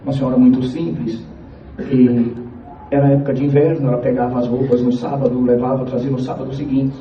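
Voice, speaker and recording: A man from Piauí, giving a church testimony to the congregation in an earnest, halting way and repeating his phrases. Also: mid-range voice, level tone, a little hiss or hum. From Piauí, Brazil. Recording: echoey, distant, dull church recording.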